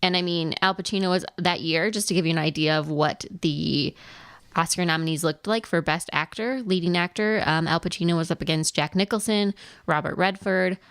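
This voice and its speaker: A woman from Wisconsin co-hosts a podcast from a home studio and gives her opinions plainly, with a few fillers. Her voice is lower than most women's. The sound is very dry, with no room echo. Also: fairly quick, a bit bright, clean tone. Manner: matter-of-fact, frank opinions with fillers. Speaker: podcast co-host. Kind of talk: casual chat.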